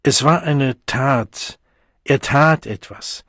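A man narrating a novel aloud as an audiobook reader, in a measured, deliberate way. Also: mid-range voice, a bit bright, no room sound, clean studio sound. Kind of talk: scripted narration.

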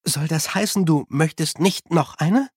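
An audiobook narrator voicing a sharp, sarcastic young schoolteacher who snaps her lines. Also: low voice, a little slow, breathy edge, no echo, studio quality. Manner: snappish, sarcastic.

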